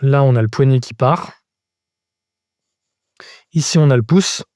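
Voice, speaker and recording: A man leads a live drawing lesson, thinking aloud as he sketches and breaking off to answer viewers in a casual way. His voice is mellow and relaxed, recorded dry with no room sound. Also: mid-range voice, unhurried, no room sound. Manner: thinks aloud while drawing, explaining step by step. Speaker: drawing teacher.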